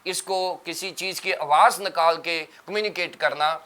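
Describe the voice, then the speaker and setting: A man's voice: on the high side, fairly even intonation, sharp tone. A man, a pastor on a religious TV panel, explains terms step by step in a teacherly way.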